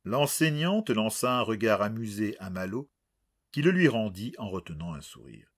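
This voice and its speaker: Guy reading an audiobook, low husky voice, very animated delivery. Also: moderate pace. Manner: expressive, dramatic storytelling. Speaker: audiobook narrator. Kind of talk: audiobook narration.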